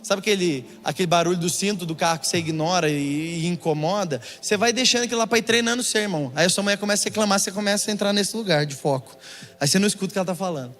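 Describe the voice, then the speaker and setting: A young Brazilian pastor preaching, telling a funny story in an animated way and often calling the listener brother. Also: male voice, sits high, rapid-fire. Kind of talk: sermon with comic storytelling. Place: church auditorium. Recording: long church reverb with soft music.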